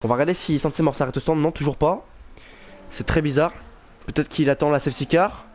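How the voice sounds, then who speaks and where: A man's voice: fairly high pitch, brisk, crowd noise. A man doing informal live motorsport commentary on an online race, reacting with exclamations and thinking aloud. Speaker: motorsport commentator for an online sim racing league. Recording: clear background noise.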